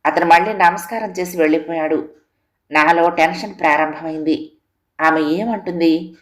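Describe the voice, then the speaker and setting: A woman storyteller reads a literary tale aloud, steady and composed. Her voice sits somewhat low for a woman, and her delivery is measured and even. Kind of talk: scripted audio story narration.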